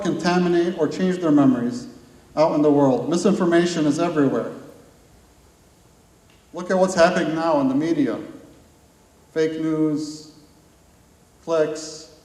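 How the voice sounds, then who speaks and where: A man's voice: a little high, a little mellow. A man giving a live conference talk to an audience, asking rhetorical questions and building long repeated lists. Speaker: conference speaker. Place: large hall. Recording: echoey hall from far off.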